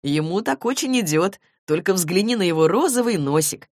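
A woman's voice: lowish voice, animated, moderate pace, a little mellow, no room sound, clean studio sound. A woman voicing a sarcastic young man who mocks and sneers. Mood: mocking. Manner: mocking, sneering.

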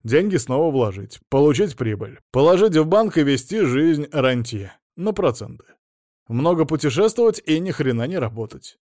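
A man's voice: a little high, big pitch swings, moderate pace, darkish tone, dry recording, voice pushed up. A man voicing a scheming, greedy middle-aged ex-husband who talks pushily in an audiobook, in a dry room. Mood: persuasive. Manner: smooth-talking, pushy.

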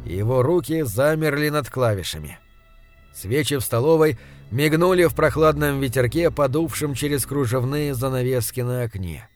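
A man reading a story aloud in a measured, even storytelling manner. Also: mid-range voice, faint music behind. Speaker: audiobook narrator. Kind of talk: scripted narration.

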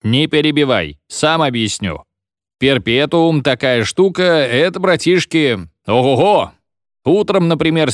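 A man voicing a pompous, bossy old professor who lectures and shouts orders at his class. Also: fairly high pitch, no echo, studio quality, pitched above the performer's own voice, lightly acted. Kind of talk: audiobook reading.

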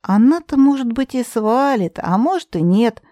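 A woman reader voicing a young heroine who speaks sweetly and flatters with exaggerated indignation. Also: a little high, normal speed, no room sound, clean studio sound, pitched above the performer's own voice, close to an everyday voice. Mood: coaxing.

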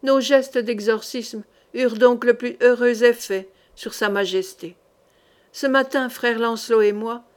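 A woman's voice: fairly high pitch, lightly acted. A woman reading a nasal, zealous old hermit monk. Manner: rapid, long-winded recounting. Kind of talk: audiobook character reading.

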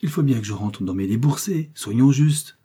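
A man's voice: mid-range voice, expressive, normal speed, warm tone, breathy edge. A man reading a classic novel aloud, voicing a scheming merchant who mocks and bullies a woman in debt. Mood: mocking. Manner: mocking, ironic, bullying. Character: scheming cold male shop merchant moneylender.

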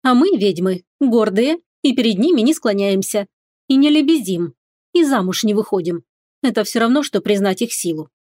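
A woman reading an audiobook, voicing a proud, sharp-tongued young witch heroine who talks in a defiant, mocking way. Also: medium pitch, animated, normal speed, dry recording, clean studio sound, lightly acted.

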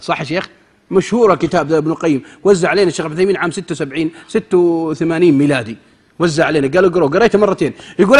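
A man giving a humorous, animated sermon, acting out little scenes and swinging between loud and soft. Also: on the high side, husky. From Saudi Arabia. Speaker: preacher.

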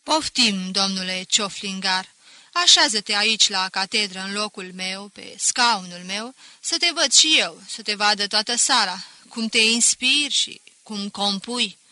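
A woman's voice: medium pitch, sharp tone, no echo. A woman voicing a scornful, mocking older male schoolteacher who talks with sarcastic chuckles in an audiobook. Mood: condescending.

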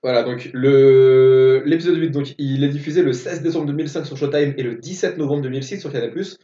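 A man's voice: medium pitch, a little fast, dark tone. A man co-hosting a casual film podcast, going methodically through facts and dates. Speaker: podcast co-host. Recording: echoey room, distant dull mic.

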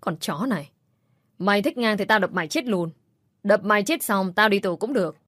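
A woman voicing a drunk, violent young husband who talks roughly and threateningly, in a dry recording with faint music behind. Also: mid-range voice, a little fast, fairly bright tone, no echo, natural voice.

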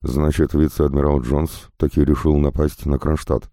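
A man voicing a shrewd, commanding rear admiral in a spoken audiobook, measured speech. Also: very deep voice, flat delivery, dark tone, dry recording, clean studio sound.

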